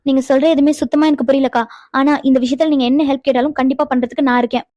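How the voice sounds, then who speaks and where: A woman's voice: high-pitched, very fast, dry recording, muffled recording, close to an everyday voice. A woman voicing a caring young woman in a cartoon who reassures and questions the older sister figure. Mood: reassuring. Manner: reassuring, curious, lively. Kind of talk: animated cartoon dialogue.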